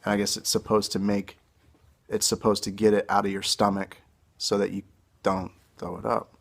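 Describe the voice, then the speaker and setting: Recorded on a phone camera, a young man gives an earnest, halting, emotional testimony about his own life. His voice is fairly low, creaky and monotone.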